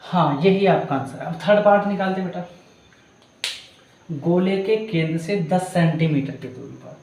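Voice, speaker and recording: At a moderate pace, a man whose voice is on the high side and a little mellow guides students through a physics problem one step at a time, addressing them as "beta". The room is very echoey, and there's a bit of hiss or hum.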